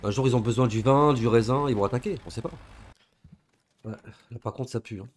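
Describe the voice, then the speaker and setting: A young man from southern France giving casual, slangy reaction commentary with excitable, laughing asides. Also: mid-range voice, fairly quick, a little hiss or hum. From southern France, Gard area. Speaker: reaction video host.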